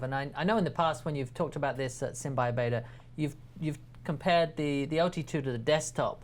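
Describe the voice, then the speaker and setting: A man's voice: medium pitch, slight background noise. Stumbling, upbeat male web show host. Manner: upbeat, stumbling over words. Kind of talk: live web show hosting.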